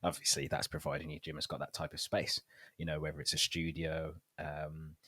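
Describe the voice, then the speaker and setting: A man's voice: a bass voice, monotone, fairly quick, sharp tone, husky, no room sound. A man co-hosting a fitness podcast in casual chat, a trainer who laughs often and tells loose stories.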